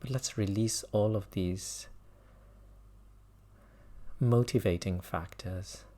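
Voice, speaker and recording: A man with a lowish voice leads a guided mindfulness meditation as a teacher, speaking gently and pausing long between phrases.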